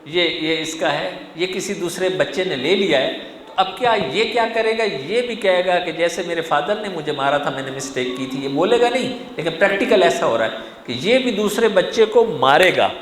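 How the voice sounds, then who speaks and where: Man giving an animated lecture in an echoey hall. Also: on the high side. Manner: animated, addresses the audience directly with frequent rhetorical questions. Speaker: religious lecturer. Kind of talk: sermon-style parenting lecture. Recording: echoey hall with faint room noise.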